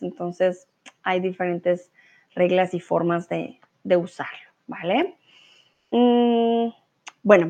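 A woman from Colombia with a Colombian accent leads a live online Spanish lesson. She speaks slowly and patiently in a mid-pitched voice, encouraging her students and slipping into English and German to explain. The audio is a little dull and lo-fi. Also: a little mellow. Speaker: Spanish teacher.

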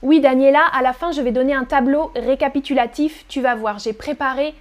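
A woman teaching French pronunciation in a live online lesson, articulating slowly and repeating words for learners, and encouraging them as she reads their chat comments. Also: sits high, fairly even intonation.

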